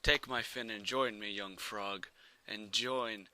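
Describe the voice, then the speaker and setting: A man voicing an evil, gloating catfish villain with slow, theatrical menace. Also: fairly low pitch, fairly even intonation, sharp tone, exaggerated voice.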